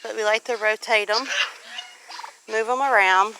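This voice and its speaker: A homestead vlogger with a Southern US accent chats casually with viewers in a plainspoken, folksy way while outdoors on a farm among animals. Her voice is a little high, fairly even and unhurried, with faint animal and insect sounds in the background.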